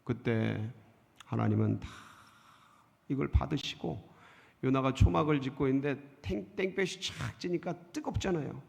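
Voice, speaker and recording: A middle-aged male pastor preaching a sermon, asking the congregation questions and answering them himself, dramatic and expressive. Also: moderate pace, creaky. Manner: dramatic, acts out emotions with sudden pitch jumps. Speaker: senior pastor. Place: church sanctuary. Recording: church sanctuary with long reverb.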